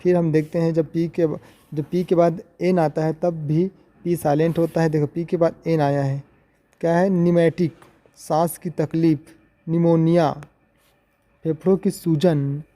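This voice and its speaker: A man with a fairly high voice teaches pronunciation in a video lesson. His tone is very dark and mellow. He works through words one by one, giving each meaning and often repeating himself. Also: level tone, unhurried.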